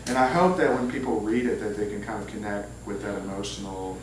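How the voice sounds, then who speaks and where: At a book reading in an indoor humanities center event room, an author from Louisiana, United States, talks a little fast about his writing life, keeping it informal, anecdotal and self-deprecating, with audience questions. His voice is low and steady in tone. Far from the mic in a noisy, echoey hall, he comes across as very echoey, distant and clearly noisy.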